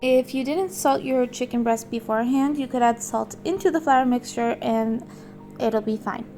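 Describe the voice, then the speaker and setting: A woman's voice: on the high side, normal speed, warm tone. A woman with a slightly scratchy, off-sounding throat gives a casual, chatty cooking voice-over, explaining each step without hurry. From Portugal. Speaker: home cook hosting a recipe vlog. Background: background music.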